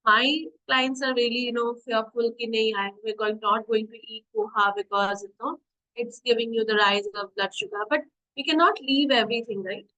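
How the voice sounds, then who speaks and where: This is a diabetes nutrition webinar led by a young Indian woman, whose Indian English flows into Hindi as she chats, encourages, and quizzes her audience over a video call. Her slightly high voice sounds pushed and bright, with fairly even intonation at a moderate pace. Audio from the computer mic is poor.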